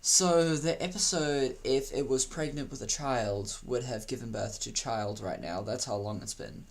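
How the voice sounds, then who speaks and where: A man's voice: mid-range voice, measured pace, creaky. A man from Africa, hosting a casual video and talking through what is on his screen in a rambling, joking way. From South Africa. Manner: rambling, joking, teasing slang. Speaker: YouTuber host. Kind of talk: casual commentary over screen play.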